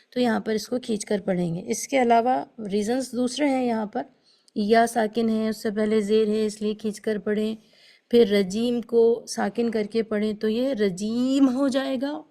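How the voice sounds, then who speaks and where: A woman teaching Quran recitation in an online lesson, explaining each sound and modelling it slowly, with English words mixed into her speech. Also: fairly high pitch, a little mellow.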